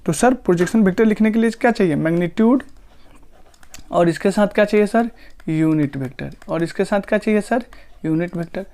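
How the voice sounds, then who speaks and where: A man's voice: sits high, darkish tone. Man teaching, quizzing his class. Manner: asks students rhetorical questions and answers them himself; drawn-out slow dictation of terms. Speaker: physics teacher. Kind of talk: classroom lecture.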